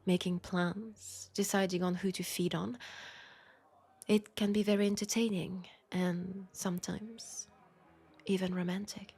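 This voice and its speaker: Speaking with a French accent, a woman voices a seductive, world-weary female vampire in an intimate audio roleplay, her tone wistful and playful. Her mid-range, husky voice keeps fairly even intonation, soft and deliberate, often slipping toward a whisper.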